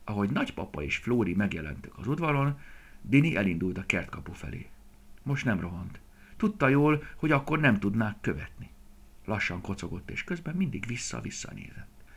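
A man's voice: fairly low pitch, big pitch swings. A man narrating a children's story expressively, often dropping to a whisper.

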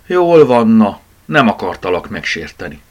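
A man's voice: lowish voice, sing-song, darkish tone, muffled recording, pitched above the performer's own voice. Man voicing a grumbly plush toy. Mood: sheepish.

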